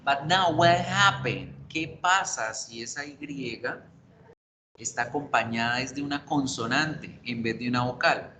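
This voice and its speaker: A man's voice: mid-range voice, a little slow, sharp tone. A man teaching an online English class, explaining grammar rules step by step, switching between Spanish and English and checking in with the class. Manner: spells out letters and asks the class for confirmation. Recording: roomy with background noise.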